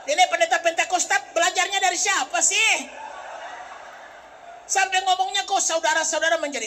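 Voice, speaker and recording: A male pastor from Sumatra, preaching a humorous sermon, joking and breaking into shouts. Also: very high voice, a little hiss or hum.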